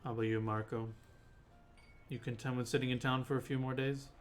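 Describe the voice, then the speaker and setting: A man playing a tabletop game, speaking in a measured, level way. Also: medium pitch, flat delivery, faint music behind. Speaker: player. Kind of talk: casual tabletop play.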